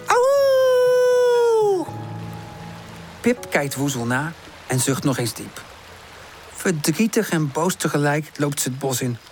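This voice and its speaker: A woman reading a children's audiobook aloud, calm and gentle. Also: low-pitched, a little slow, soft background music. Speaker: audiobook narrator.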